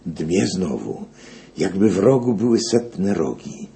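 A man reading epic poetry aloud in a slow, declamatory way. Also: low voice, very animated, creaky, mellow.

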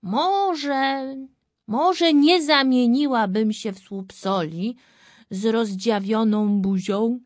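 A woman's voice: fairly high pitch, takes it slowly, no room sound. A woman chatting reflectively with a storyteller, sharing thoughts and memories. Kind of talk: casual chat.

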